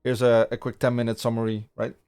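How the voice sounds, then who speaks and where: A Dutch man from the Netherlands hosts a casual live coding stream, rambling through his plans with viewers, restarting often and using plenty of fillers. His mid-range voice is fast, a little mellow and fairly flat in pitch, with a clean tone from a studio podcast mic.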